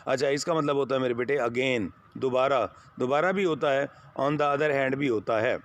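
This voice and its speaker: A male teacher lecturing a class, reading lines and glossing each phrase with many synonyms. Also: medium pitch. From Pakistan. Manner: reads English phrases slowly, then glosses them in Hindi-Urdu with many synonyms; addresses students as "my son" and "sir", with frequent fillers. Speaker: English teacher. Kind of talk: classroom lecture explaining a text line by line.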